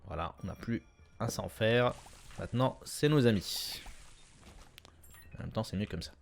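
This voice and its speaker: A young man casually commenting on his own video game run, chatty and self-correcting with sudden excited bursts. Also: lowish voice, unhurried, creaky, slight background noise. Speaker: gameplay commentator. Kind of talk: casual let's-play commentary.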